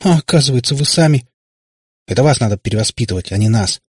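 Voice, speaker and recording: A man playing a cheeky scolding teenage girl, husky voice pushed higher, dry close storybook read. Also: expressive, quick pace, no echo. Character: sharp-tongued, indignant teenage girl.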